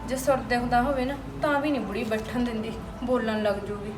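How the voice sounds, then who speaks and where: A woman's voice: sits high, over music, close to an everyday voice. A woman playing a fed-up young wife. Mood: weary lament. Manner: complaining, rapid arguing. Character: fed-up young wife, quarrelsome then weary. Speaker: daughter-in-law. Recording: echoey room from a far mic, noisy.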